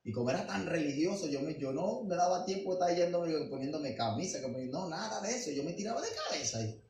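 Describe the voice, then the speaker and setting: A man preaching a sermon as pastor, emphatic and full of rhetorical questions, swinging between quiet asides and loud declarations. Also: a little high, lively intonation, fast. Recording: roomy and distant with faint background noise.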